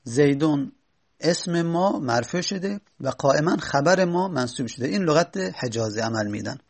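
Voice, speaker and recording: Brief: male teacher, slightly high, gravelly, patient step-by-step explainer. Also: lively intonation. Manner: patient, repeats examples slowly. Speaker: teacher of Arabic grammar. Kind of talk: explaining lesson.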